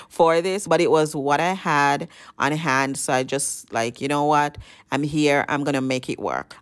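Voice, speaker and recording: A woman narrating her home makeover in a chatty, relaxed way, talking straight to her viewers. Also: sits low. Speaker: DIY vlogger. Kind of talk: casual voice-over narration.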